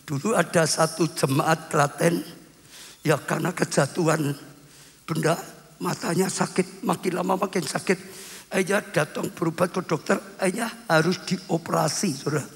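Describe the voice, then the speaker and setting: A man from Indonesia preaching a sermon as pastor, animated, acting out dialogue and repeating phrases. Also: fairly high pitch, normal speed, creaky. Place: church hall. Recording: long reverb of a church hall.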